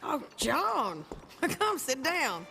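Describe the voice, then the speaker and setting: A woman's voice: high voice, wildly swooping pitch, extremely slow, creaky, exaggerated voice. An actress playing a hardened, blunt frontier woman in a western video game, cynical and plainspoken. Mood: wry. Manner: blunt, cynical, folksy grammar.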